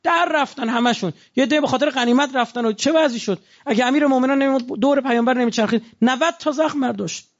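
A man's voice: very high-pitched, hardly any pauses, highs cut off. A man preaching a religious sermon in a conversational way, asking his listeners rhetorical questions.

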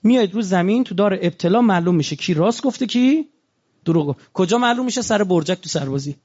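A man's voice: high voice, animated, a little mellow, highs cut off. A man preaching a religious sermon in a conversational way, asking his listeners rhetorical questions.

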